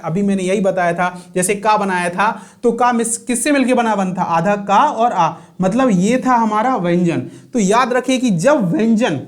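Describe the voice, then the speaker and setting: A man teaching a grammar lesson, often repeating key terms as questions to his students. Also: sits high.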